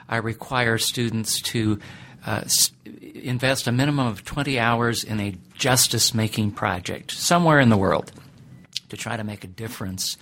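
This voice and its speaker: A middle-aged man who teaches ethics, answering interview questions in a thoughtful, deliberate way with many pauses. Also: medium pitch, fairly bright tone, a little hiss or hum.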